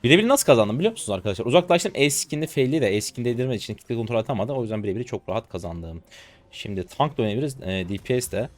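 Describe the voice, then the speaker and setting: A hoarse man in his twenties giving slangy live commentary to viewers while he plays a game. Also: mid-range voice, lively intonation. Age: 20s. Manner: rapid slangy chatter to viewers. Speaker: gaming streamer.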